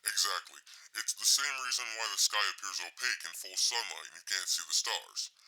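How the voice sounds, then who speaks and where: A man playing an anonymous scientist guest whose voice has been altered to hide his identity, explaining things in a measured, technical way. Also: sits low, sharp tone, full character voice, low-quality recording. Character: anonymous male space-agency whistleblower, precise and nervous. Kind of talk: audio drama dialogue.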